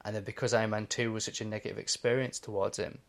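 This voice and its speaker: A man with a slightly low voice co-hosts a casual podcast. He explains his points at length and thinks aloud as he goes. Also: little pitch movement, quick pace, gravelly. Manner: analytical, explaining at length with many fillers. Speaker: podcast co-host. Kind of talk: casual chat.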